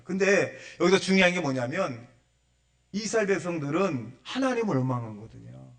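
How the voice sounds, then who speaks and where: A male pastor delivers a Sunday sermon in a church, his voice set a little high. He acts out the people he quotes and swings from loud bursts to near-whispered asides. He sounds distant from the microphone. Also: vocal fry. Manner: animated preaching, acting out quoted voices, swings from loud to hushed. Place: church sanctuary.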